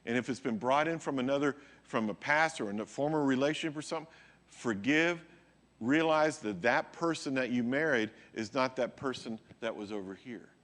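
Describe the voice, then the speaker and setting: A man's voice: medium pitch, normal speed, fairly bright tone. A male pastor preaching a sermon in a conversational way, often checking in with his listeners. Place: church.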